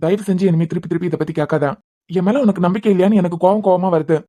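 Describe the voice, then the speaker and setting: A woman voicing a devoted young husband who is a hospital head, speaking in a Kanyakumari Tamil accent, bantering fast and turning stern at times. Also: on the low side, fairly even intonation, warm tone, natural voice. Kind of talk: cartoon web series voice acting.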